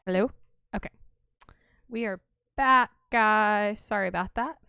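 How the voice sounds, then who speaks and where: Chatty woman with a smooth voice. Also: mid-range voice, unhurried, pushed and bright, no room sound. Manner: chatty, addresses viewers. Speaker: game streamer. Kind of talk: casual game commentary.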